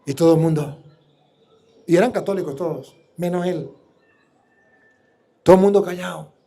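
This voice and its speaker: Priest, man, high voice, preaching live, combative and full of rhetorical questions. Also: moderate pace, vocal fry, warm tone.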